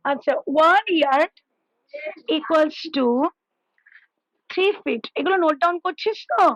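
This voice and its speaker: A woman's voice: high voice, slow, fairly bright tone, no echo, rough recording. A woman tutoring math over a call on headphones at home, explaining step by step and checking whether her student understands.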